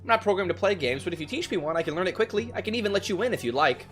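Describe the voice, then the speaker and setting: A too-smooth, polite android. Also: male voice, sits high, racing, faint music behind. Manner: courteous, calm, precise. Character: polite, overly smooth research robot. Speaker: game character. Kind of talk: video game voice acting.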